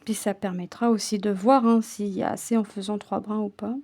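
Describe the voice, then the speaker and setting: A woman chats casually about her day as she works her needle through a cross-stitch. Her voice is warm and mellow. She stumbles over words and slips into hushed, half-whispered asides. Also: medium pitch, fairly even intonation, a little fast. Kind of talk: casual chat while stitching.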